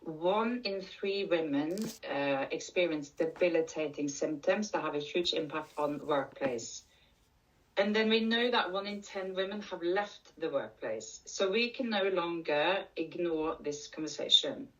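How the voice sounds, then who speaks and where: Recorded far from the mic and sounding muffled, a middle-aged woman from Norway speaks unhurriedly in a lowish voice with a Norwegian accent. As a menopause coach and speaker, she delivers an earnest conference talk and repeats her main points for emphasis.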